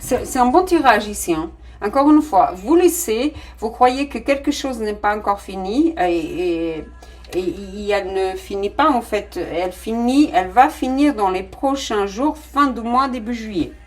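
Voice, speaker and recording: A woman's voice: medium pitch, expressive, unhurried, faint music behind. Hesitant woman giving a tarot reading. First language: not French. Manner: hesitant, many fillers and restarts, addresses viewers directly. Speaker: tarot reader.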